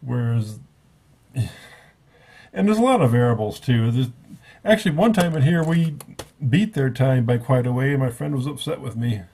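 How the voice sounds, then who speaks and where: A man's voice: mid-range voice, animated, moderate pace, pauses often, warm tone, slight background noise. A man giving a casual, rambling spoken review at a table, often correcting himself as he goes. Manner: rambling, self-correcting, offhand. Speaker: book reviewer.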